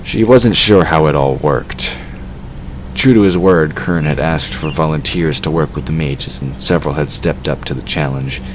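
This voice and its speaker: An exceptionally low male voice narrates a scripted fantasy audio drama at normal speed. The audio is poor, and clear ambient noise sits behind the storytelling.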